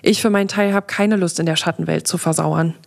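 A woman's voice: fairly low pitch, fairly even intonation, fairly quick, gravelly. A woman reading the lines of a grumbling, weary female witch in an audio story.

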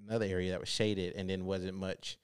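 Speaking in a low, level, clear and resonant voice, this man in his thirties trades casual talk with his wife as her co-host. The husband and father narrates a trip at an easygoing pace, laughing, drawing out words for emphasis. The recording is dry and studio-quality.

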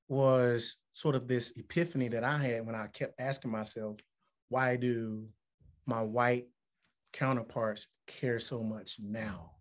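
A man in his forties from Alabama, a musician and motivational speaker, answering interview questions in an earnest, reflective way that builds to emphatic points. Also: medium pitch. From Alabama, United States. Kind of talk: interview conversation.

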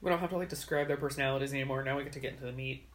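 A woman co-hosting a podcast in casual chat, gushing and animated, laughing often. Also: extremely low pitch, very fast. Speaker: podcast co-host.

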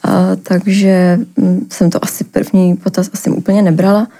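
A young woman from the Ostrava region speaks as a podcast guest in a lowish, dark, level voice, giving a personal account haltingly and with plenty of filler words.

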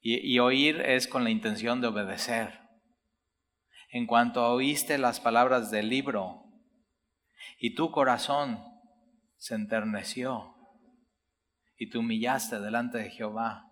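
A man's voice: mid-range voice, fairly even intonation, slow, long pauses, fairly bright tone. A man preaching a sermon, reading Bible verses aloud and explaining them while speaking straight to the listener. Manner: reads scripture aloud then explains, addresses listener directly. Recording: long hall reverb.

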